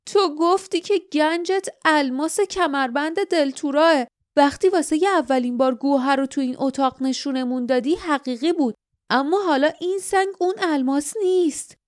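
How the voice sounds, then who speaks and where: A woman voicing a hot-tempered young male hero who shouts accusations in an audiobook. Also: high-pitched, dry recording, clean studio sound, pitched above the performer's own voice, close to an everyday voice. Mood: angry.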